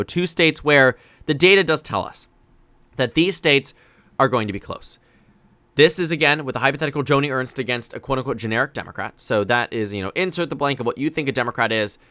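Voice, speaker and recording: A young man hosting a solo election analysis show, talking quickly and energetically, often correcting himself. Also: mid-range voice, no room sound. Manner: rapid, energetic, self-correcting analytical talk. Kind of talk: solo political commentary.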